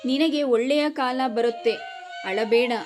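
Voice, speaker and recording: A woman delivers scripted motivational narration in an unhurried, deliberate cadence, her voice sitting a little high. She speaks in a grave, admonishing tone, addressing the listener directly. Clear background music runs beneath her voice the whole time.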